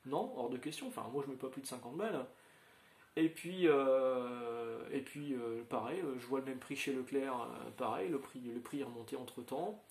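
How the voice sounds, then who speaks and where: A man's voice: mid-range voice, normal speed, a little mellow. A man chatting casually to his viewers, rambling with many fillers and restarts. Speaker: channel host. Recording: echoey room.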